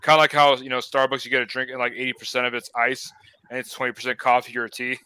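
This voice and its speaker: A man's voice: medium pitch, level tone, fast talker, sharp tone, clear, resonant tone, no room sound. A young man hosting a live-stream hangout, chatting in a laid-back, rambling way with lots of fillers. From Los Angeles area. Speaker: host. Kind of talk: casual live-stream chat.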